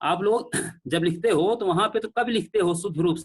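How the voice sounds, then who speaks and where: High-voiced male teacher explaining slowly. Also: husky. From India. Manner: explains slowly with repeated examples; checks in with students. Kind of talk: online class lecture on pronunciation. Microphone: online call.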